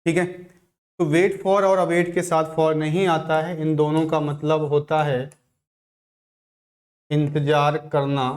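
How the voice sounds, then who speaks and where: Slow-talking male teacher. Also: fairly high pitch, flat delivery, darkish tone. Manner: slow, repetitive explaining, restating each rule. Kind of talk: grammar lesson for exam prep.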